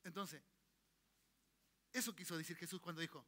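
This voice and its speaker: A man's voice: a little high, fairly even intonation, normal speed, pushed and bright. A man with a Chilean accent preaching a sermon in church, checking in with his congregation and leading them in call-and-response. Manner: leads call-and-response, tells listeners to repeat. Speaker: pastor.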